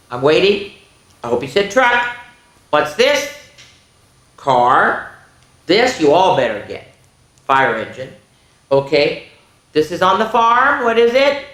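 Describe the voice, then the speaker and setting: A woman with a low, slightly bright voice hosts a children's storytime, reading aloud expressively in an exaggerated sing-song style. She makes chatty asides to her young listeners, and the room sounds echoey.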